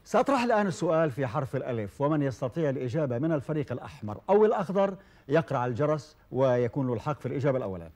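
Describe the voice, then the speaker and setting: A man hosting a televised quiz show, formal and measured, with frequent hesitation fillers. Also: medium pitch, big pitch swings, a little mellow. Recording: old television broadcast recording.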